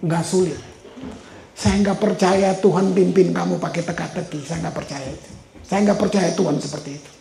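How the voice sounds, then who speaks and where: A pastor with a gravelly, high-pitched, warm voice preaches a sermon in a church hall. He tells stories and repeats words for emphasis, and the roomy hall adds plenty of echo.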